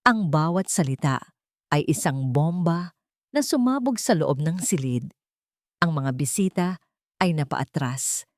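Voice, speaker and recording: Reading a dramatic tale in the first person, a woman uses deliberate, short phrases and lively intonation. Her fairly low voice is a little mellow, captured very dry with no room sound.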